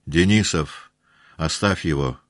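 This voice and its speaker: Man as young cadet, quiet, trembling, deep voice, dry close sound. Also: slow, dry recording. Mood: strained. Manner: quiet, strained, trembling speech.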